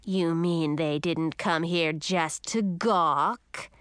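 A woman voicing a slow, menacing old sea witch. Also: low voice, clear, resonant tone, dry recording, clean studio sound. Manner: slow, drawn-out threatening delivery.

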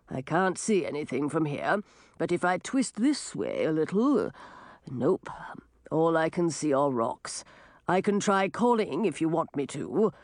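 A woman's voice: sits low, darkish tone, no echo, clean studio sound, full character voice. A woman reading a storybook aloud and voicing a quarrelsome, grumbling male octopus. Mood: touchy. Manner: grumbling, touchy.

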